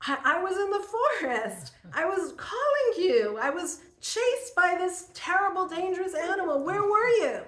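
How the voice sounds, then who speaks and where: Woman doing a scared little boy, high and pleading. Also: big pitch swings, normal speed, few pauses, fairly bright tone, exaggerated voice. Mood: upset. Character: frightened little boy calling for his father. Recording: roomy echo.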